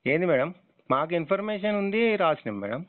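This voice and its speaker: A man's voice: fairly high pitch, very animated, racing, no room sound. Insistent man on a phone line. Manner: defensive, insistent, repeats short replies. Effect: heard over a phone line. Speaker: journalist. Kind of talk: heated phone argument. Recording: tinny dry phone call recording.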